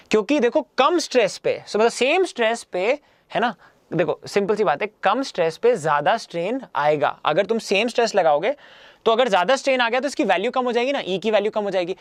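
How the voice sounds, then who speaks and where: A man's voice: high voice, no echo. A man teaching a physics lecture in a casual, coaxing way, repeating himself often and mixing in English phrases. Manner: repetitive, coaxing, keeps adding 'है ना'; mixes Hindi with English phrases.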